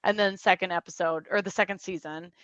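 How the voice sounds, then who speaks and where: A woman's voice: on the low side, steady tone, fairly quick, a bit bright, dry recording. A young American woman co-hosting a podcast, chatting casually with rambling asides and frequent laughs. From United States. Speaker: podcast co-host. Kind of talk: casual chat. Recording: slightly dull lo-fi audio.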